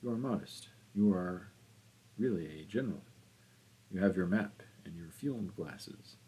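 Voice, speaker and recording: A smooth, politely disdainful journalist, voiced by a male reader in an audiobook. The voice is deep and mellow, with an insolent, mocking ease. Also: lively intonation, measured pace, heavily acted. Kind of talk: audiobook character voice.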